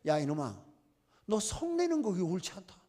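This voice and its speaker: A man's voice: high voice, wildly swooping pitch, normal speed, dark tone, pitched below the performer's own voice, exaggerated voice. A male preacher voicing God as a stern figure who scolds a stubborn prophet bluntly. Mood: scolding.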